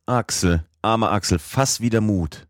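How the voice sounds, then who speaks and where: A man's voice: on the low side, unhurried, no echo, studio quality, pitched above the performer's own voice, close to an everyday voice. A man voicing an older professor anxiously calling to his lost nephew in an audiobook. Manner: anxious, urgent calls.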